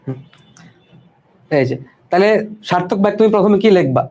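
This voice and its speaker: A young man from Bangladesh tutors an online exam-prep lesson in a high, darkish voice with lively intonation, talking fairly quickly. He is reassuring and repetitive, going over points again and slipping English words into his speech.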